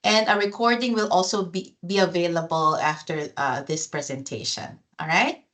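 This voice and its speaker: A woman's voice: lowish voice, steady tone, normal speed, fairly bright tone. A woman HR officer hosting an online presentation over a video call, speaking with frequent fillers and restarts.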